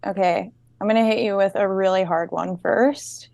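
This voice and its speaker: A woman's voice: mid-range voice, fairly even intonation, moderate pace, gravelly, a little mellow, no room sound. Playful woman hosting in a dry room. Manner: upbeat, playful, laughs easily. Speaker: host, co-founder. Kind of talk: casual interview hosting.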